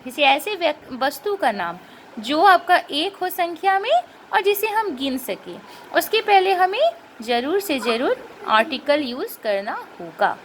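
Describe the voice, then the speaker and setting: A woman teaching a grammar lesson. She explains patiently, checks in with rhetorical questions, and spells out and repeats sounds slowly. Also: high-pitched, sing-song, slight background noise.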